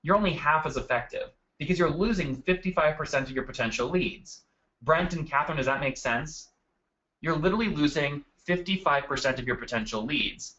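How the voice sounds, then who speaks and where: Upbeat man hosting a webinar, bright voice. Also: a little high, a little fast, highs cut off. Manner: upbeat, addresses attendees by name. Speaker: webinar host. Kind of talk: live marketing webinar presentation. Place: at a desk indoors.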